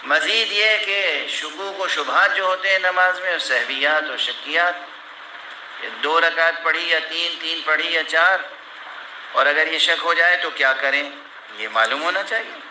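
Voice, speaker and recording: A man preaching a sermon to a gathering, explaining points emphatically and breaking into scolding outbursts. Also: on the high side. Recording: echoey hall from far off with noise.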